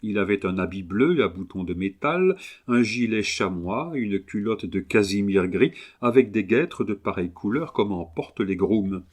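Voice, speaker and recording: A man narrating a memoir aloud in a measured, expressive reading. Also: on the low side. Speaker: audiobook reader. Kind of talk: scripted narration.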